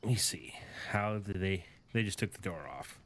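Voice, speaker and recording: A man's voice: low voice, lively intonation, normal speed, slight background noise. A tired young man casually commenting on his game, thinking aloud with fillers as he goes. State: tired, yawning. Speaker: gaming streamer. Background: game music.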